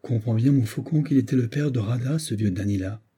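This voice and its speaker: A man's voice: mid-range voice, brisk, warm tone, slightly rough. A man voicing an old Romani storyteller by a fire, who speaks in a grave, advising way.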